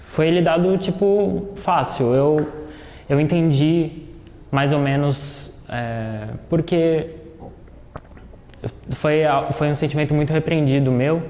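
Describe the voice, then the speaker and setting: Brazilian guy 18, talks slow and halting, lots of pauses, reverby room. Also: on the high side, mellow. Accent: Brazilian Portuguese. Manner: halting, pausing often.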